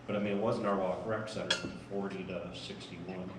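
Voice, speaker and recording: A low-voiced man in casual conversation, caught in a very echoey space. He talks in a halting way and circles back over his words, with clear noise around him. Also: flat delivery. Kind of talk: casual chat. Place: large indoor bowling alley. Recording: echoey room, distant mic, noisy.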